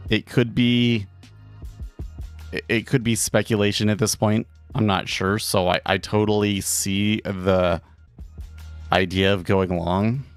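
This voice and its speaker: Guy streaming his day trades, lowish voice, dry close sound, faint music behind, stumbles and repeats words. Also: steady tone, smooth, no room sound. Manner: casual, halting, repeats words. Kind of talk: live trading stream chat. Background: faint background music.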